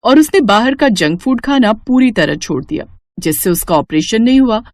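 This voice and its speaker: Female narrator, lively storytelling, dry close mic. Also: a little high, moderate pace, no room sound. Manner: expressive, storytelling.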